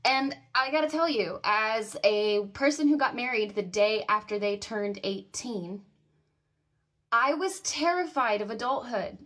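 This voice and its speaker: A woman's voice: a little high, expressive, unhurried, a bit bright. A woman in her thirties from the American South, talking bluntly to camera about her own life and swearing freely. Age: 30s. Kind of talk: candid personal monologue to camera.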